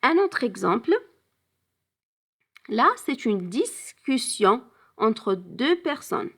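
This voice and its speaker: A woman teaching a bilingual language lesson. She explains slowly, moves back and forth between French and English, and often pauses with hesitation fillers. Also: fairly high pitch, very animated, fairly bright tone.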